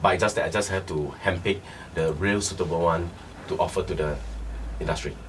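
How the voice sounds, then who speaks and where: Deep-voiced Singaporean-raised businessman guest. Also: a little fast. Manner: animated, acts out dialogue in quotes. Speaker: training centre founder, guest. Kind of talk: radio interview. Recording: distant mic with faint background noise.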